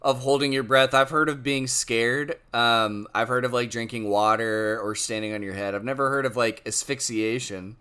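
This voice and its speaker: A man's voice: mid-range voice, steady tone, moderate pace, hardly any pauses, pushed and bright, clean tone. A young man co-hosting a football podcast, chatting in a wry, joking way. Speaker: podcast co-host. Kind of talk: casual chat.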